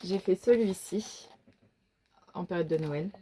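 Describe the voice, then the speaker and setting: A woman's voice: on the low side, takes it slowly, dark tone, slight background noise. A woman with a regional French accent chatting casually in a vlog, showing her coloring book collection, hesitant with many fillers and restarts. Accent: regional French, which she says is folkloric. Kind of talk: casual show-and-tell vlog.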